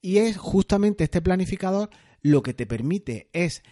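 A man's voice: high-pitched, lively intonation, measured pace, mellow. A man hosting a solo podcast, explaining in a conversational way with occasional fillers. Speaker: podcast host.

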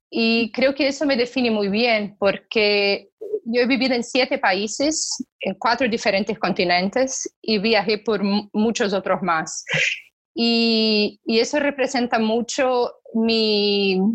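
Brazilian-accented woman, thoughtful podcast chat. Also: mid-range voice. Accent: Brazilian Portuguese. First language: Portuguese. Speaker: podcast co-host.

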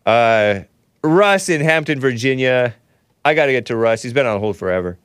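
A man hosting a call-in show in a casual, low-key way with brief responses. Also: animated, normal speed, a bit bright, clean tone, no room sound, studio quality. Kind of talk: casual talk-show chat.

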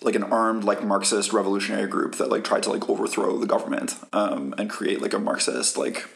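An animated male podcast co-host, his fairly low voice gravelly yet fairly bright, talks briskly. He explains political background casually and at length, leaning heavily on "like" and "um."

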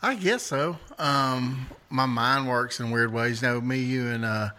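A laid-back man guesting on a podcast, with a bright, forward voice. He answers in short, easygoing replies during a relaxed studio chat. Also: mid-range voice, a little slow. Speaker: podcast guest, standup comedian.

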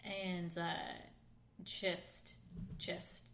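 A woman's voice: on the low side, level tone, extremely slow, fairly bright tone, a little hiss or hum. A woman in her late twenties telling a long, rambling, self-deprecating story as a podcast co-host, full of "like" fillers. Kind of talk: casual storytelling chat. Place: home room in Queens. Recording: roomy echo.

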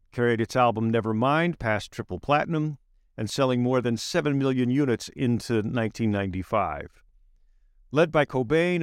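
A man reading aloud his own essay in a measured, wry narration with slowed emphatic phrases. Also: mid-range voice, clear, resonant tone, dry recording, clean studio sound.

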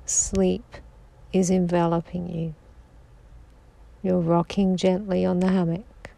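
Slow, soft-spoken woman guiding sleep. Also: fairly low pitch, flat delivery, vocal fry. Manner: slow, soothing, drifting into whispers. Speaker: sleep hypnosis guide. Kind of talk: guided sleep meditation.

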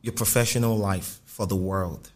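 A man's voice: lowish voice, fairly even intonation, normal speed. A man interviewing casually, probing and rephrasing his questions as he goes.

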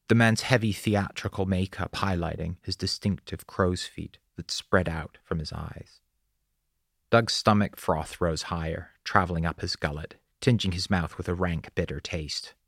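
A man reads the story aloud in a very deep voice with a gravelly, husky edge. His delivery is measured and descriptive. The sound is close and dry, with no room around it. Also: a bit bright, dry recording. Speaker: audiobook narrator. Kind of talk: scripted audiobook narration.

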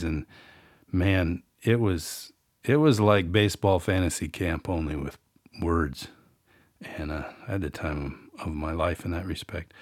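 A man's voice: low voice, no room sound, clean studio sound. A middle-aged man, an author and podcast host, reading from his own novel and then rambling in a folksy, self-deprecating way.

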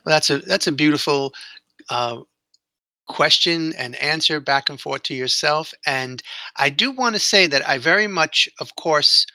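A man hosting a podcast interview, speaking in a measured, agreeable, thoughtful way. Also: fairly high pitch, sharp tone, no echo. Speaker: podcast host.

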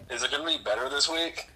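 A man calling in over a speakerphone, teasing the hosts in a dry, flat way during casual chat. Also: low-quality recording. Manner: dry, teasing critique delivered flatly. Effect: heard over a speakerphone. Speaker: caller to the podcast.

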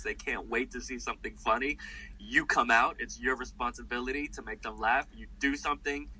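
A man's voice: medium pitch, husky, low-quality recording. A male comedian being interviewed, talking in a loose, rambling way with lots of fillers and restarts. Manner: rambling and animated, with many fillers. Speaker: comedian guest. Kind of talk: casual interview talk.

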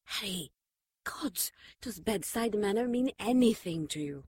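A woman playing a shaken but caring, gently reproving nun in an audio drama. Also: mid-range voice, animated, a little slow, slightly rough, no echo, clean studio sound. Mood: measured, reproving.

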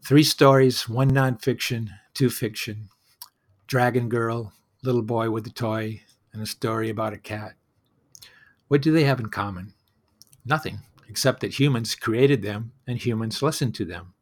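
This is a man's personal monologue on the solo storytelling show he hosts. He sounds reflective, conversational and wry, with a mid-range voice and a measured pace.

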